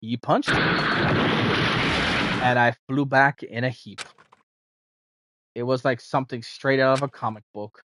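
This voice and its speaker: A man's voice: medium pitch, steady tone, unhurried, long pauses, fairly bright tone. A man streaming a game, casually commenting and reading aloud as he plays. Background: faint game music.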